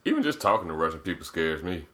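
Very deep-voiced joking man. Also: sing-song, quick pace, bright, forceful tone. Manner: laughing, joking asides. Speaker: podcast co-host. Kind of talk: casual chat.

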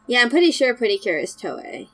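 A woman with a somewhat high voice hosts a casual podcast. She talks in a loose, rambling style, recapping and wandering into asides as she goes. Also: sing-song, fairly quick, fairly bright tone. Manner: rambling, digressive. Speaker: podcast host. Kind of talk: casual chat, recapping an anime episode.

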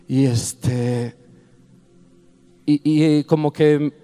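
A man's voice: fairly high pitch, fairly even intonation, very slow, dark tone. A man preaching a sermon. He tells a personal story and builds to fervent exhortation.

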